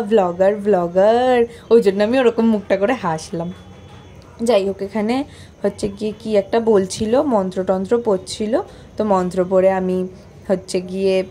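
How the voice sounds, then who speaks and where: A woman's voice: mid-range voice, mellow, a little hiss or hum. A young woman narrating her own vlog in a chatty, playful, self-mocking voice-over. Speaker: vlogger.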